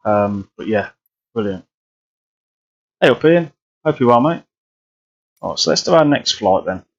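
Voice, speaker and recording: A man's voice: lowish voice, expressive, measured pace, lo-fi sound. A man chatting casually and rambling through live flight sim commentary, often restarting his sentences. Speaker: streamer.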